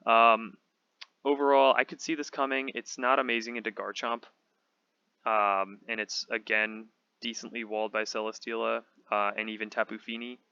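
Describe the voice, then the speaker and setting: A man with a slightly hoarse voice, casually thinking aloud as he talks through a game team build. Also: medium pitch, flat delivery, moderate pace, pushed and bright, no echo, lo-fi sound. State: slightly hoarse, losing his voice. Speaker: competitive Pokemon channel host.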